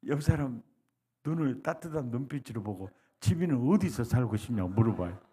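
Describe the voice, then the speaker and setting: A male pastor preaching a revival sermon, leading the congregation in call-and-response and swinging from soft lines to loud cries. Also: medium pitch, animated, brisk, slightly rough. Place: church sanctuary.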